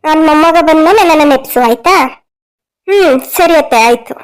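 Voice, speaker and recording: A woman's voice: high voice, lively intonation, moderate pace, rough recording. A woman voicing the women of a cartoon family drama, emotional and scolding. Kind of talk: cartoon story voice acting.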